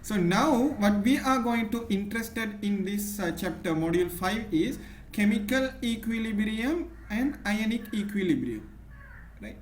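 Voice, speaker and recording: A patient chemistry tutor with a Sri Lankan English accent works one-on-one with a student, often adding "right?" to check in. His voice is high, expressive and unhurried, and the recording has room echo and faint noise.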